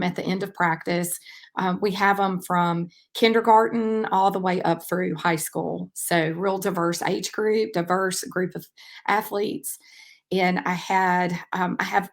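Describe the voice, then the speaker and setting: A woman in her thirties hosting a podcast, talking through a personal faith reflection in a relaxed, reflective way with frequent ums. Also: lowish voice. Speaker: podcast host and track coach. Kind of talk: casual faith-based podcast monologue.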